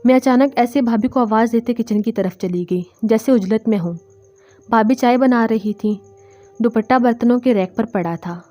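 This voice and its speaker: A woman telling a first-person story in a mellow, fairly high voice at an unhurried, even pace, with soft music running faintly underneath. her tone stays warm and relaxed throughout, like someone reading aloud to an audience.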